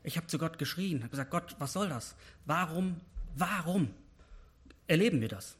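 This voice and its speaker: A man's voice: fairly high pitch, animated, moderate pace. Impassioned German-speaking man preaching. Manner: impassioned, rising to emphatic peaks when voicing prayers. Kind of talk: personal devotional sermon.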